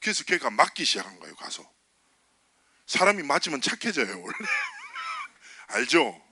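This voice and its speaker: A man preaching a lively sermon to a church youth group, telling stories and acting out the dialogue in character voices. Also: mid-range voice, fairly quick, breathy edge. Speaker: youth pastor. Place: church sanctuary.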